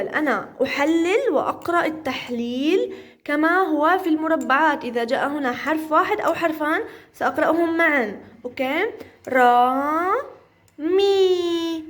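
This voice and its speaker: A woman teaching a first-grade phonics lesson, sounding out syllables slowly and playfully, with encouraging praise. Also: high voice. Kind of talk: early-reading phonics lesson.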